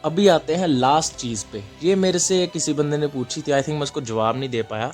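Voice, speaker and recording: A man's voice: fairly high pitch, fairly quick, soft background music. A young man giving a casual game walkthrough as host, mixing Hindi and English, repeating the steps and often checking in with his listeners. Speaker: gaming guide host.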